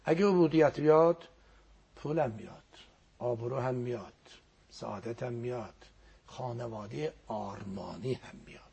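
This guest speaker has a mellow, creaky, slightly rough voice at a medium pitch. He teaches religion earnestly on the program, reciting Arabic prayers and occasionally lowering his voice nearly to a whisper.

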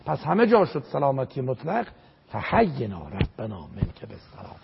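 Gravelly older man, emphatic preaching. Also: mid-range voice, huge pitch swings, very noisy. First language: Azerbaijani. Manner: emphatic, recites Arabic verses, repeats phrases for stress. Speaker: religious scholar. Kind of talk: religious lecture in an interview. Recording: dull lo-fi recording.

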